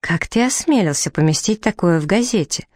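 A woman reading the part of a proud, spirited young woman who speaks in a sharp, indignant way. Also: lowish voice, animated, fairly quick, no echo, clean studio sound.

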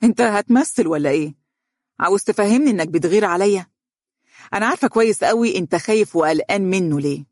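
A bossy Egyptian businesswoman, put on by a male reader, cuts in fast and cutting, her voice pushed up higher and a touch louder. She sounds haughty and scornful in a dry, close storybook reading. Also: steady tone, dry recording, natural voice. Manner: sharp, scornful, domineering. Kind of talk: audiobook character reading.

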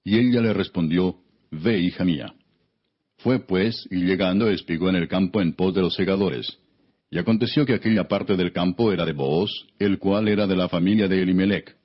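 A man narrating scripture as an audiobook in a solemn, measured reading style. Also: deep voice, breathy edge. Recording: dull, muffled lo-fi recording.

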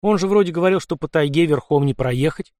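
A man's voice: on the high side, quick pace, darkish tone, no room sound, clean studio sound, natural voice. A man voicing a puzzled older male soldier who asks questions, in an audiobook. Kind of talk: audiobook character voice.

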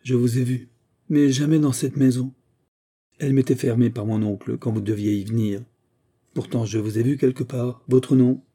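A man reads out a young warrior king in a spoken story, loud and imperious. The voice is dark and a little husky, lifted above the reader's own pitch. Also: steady tone, normal speed, lightly acted. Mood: commanding. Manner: imperious, booming.

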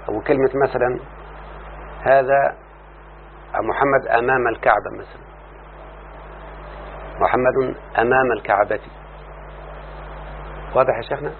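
A man with an Egyptian accent teaching a classroom lesson, explaining slowly and often checking that his students follow. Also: mid-range voice, gravelly. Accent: Egyptian Arabic. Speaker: teacher of Arabic morphology. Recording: tinny lo-fi line with faint hum.

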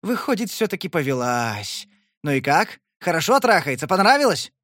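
A man voicing a jealous, volatile young man who shouts accusations. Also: fairly high pitch, sing-song, moderate pace, dry recording, clean studio sound, voice pushed up. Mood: furious.

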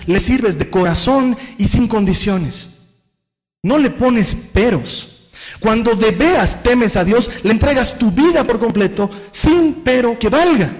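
A male pastor preaching a sermon in an animated way, acting out the excuses people make in little quoted voices. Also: extremely high pitch. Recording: dull lo-fi sound.

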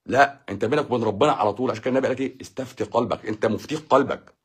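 A man's voice: medium pitch, rapid-fire, breathy edge. A man with an Egyptian Arabic accent talks about faith in an emphatic, preachy way, full of rhetorical questions. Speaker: doctor giving a talk. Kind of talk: casual talk on faith and life.

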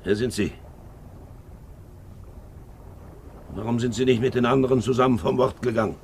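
In a 1950s German radio drama, a man lightly acts the part of a hard, brooding, ageing ship's captain who is haunted and self-justifying. His gravelly, mid-range voice is very fast and a little mellow, swinging from mutters to harsh, commanding barks, with faint music and slight background noise on the old recording.

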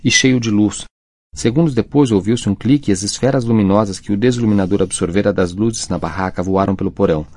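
A man narrating an audiobook in a measured, dramatic storytelling manner, voicing the characters' lines too. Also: lowish voice, dark tone, no room sound.

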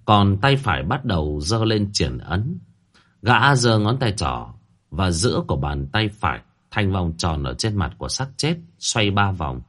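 Husky male storyteller, lively delivery. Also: a little slow. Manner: dramatic, voices characters with swings in pitch. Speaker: narrator. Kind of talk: storytelling narration with acted dialogue.

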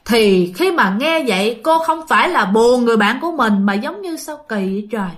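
A woman's voice: on the high side, animated, moderate pace. Chatty woman storyteller. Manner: chatty, addresses listeners directly. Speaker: ghost story narrator. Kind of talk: storytelling to listeners.

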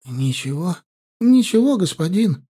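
Man doing a terrified shepherd boy, high. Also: expressive, normal speed, mellow, slightly rough. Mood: terrified pleading. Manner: desperate, stammering pleas. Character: frightened young shepherd boy, pleading.

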